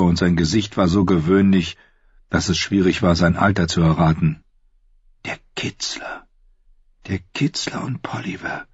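A man narrating a fantasy novel in a measured, even storytelling manner. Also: low voice, slightly rough, no room sound. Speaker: audiobook narrator. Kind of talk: scripted fiction narration. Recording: dull, lo-fi, dry.

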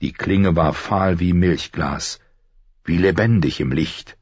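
Audiobook narrator: man, very deep and slow, husky, dull dry lo-fi sound. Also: no echo. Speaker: audiobook reader. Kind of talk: scripted narration.

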